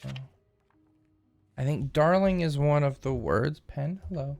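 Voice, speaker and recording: A man live-streaming a mystery game, reading in-game letters aloud haltingly and breaking off for asides and corrections. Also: a little high, expressive, gravelly, darkish tone, soft background music.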